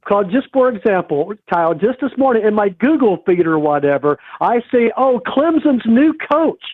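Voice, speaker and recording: A man's voice: sits high, sing-song, normal speed, dry recording. A man calling in to a sports talk show over the phone, ranting animatedly and saying "man" often. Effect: heard over a phone line. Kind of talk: casual phone-in rant. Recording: tinny phone line, dry.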